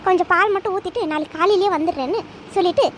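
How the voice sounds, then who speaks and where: Woman doing a spoiled young cartoon daughter, whiny, complaining, very high pitch. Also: rapid-fire, slight background noise. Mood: sly. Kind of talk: cartoon voice acting.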